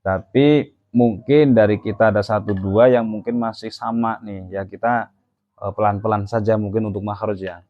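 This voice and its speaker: A man's voice: on the low side, fairly even intonation, moderate pace, phone-quality sound. A man teaching a class on Arabic letter pronunciation in a mosque, patiently explaining and counting out beats as he drills the sounds. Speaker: Quran reading teacher. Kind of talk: classroom lesson.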